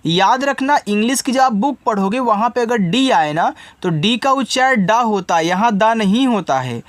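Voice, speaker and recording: A man with a Hindi accent teaches English word by word, patient and repetitive, often asking a question and answering it himself. His high voice is animated and a bit bright at normal speed, in a dry recording.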